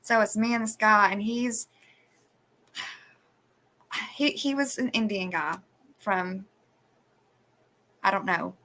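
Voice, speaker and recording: A woman's voice: mid-range voice, slow pace, pauses often, sharp tone. A woman hosting a live stream, chatting casually and rambling with many restarts. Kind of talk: casual chat. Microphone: phone.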